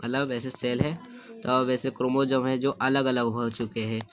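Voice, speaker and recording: A man's voice: medium pitch, little pitch movement. Man explaining a school lesson. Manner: keeps rephrasing and restating, with frequent self-corrections; reads textbook sentences slowly and deliberately. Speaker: science teacher.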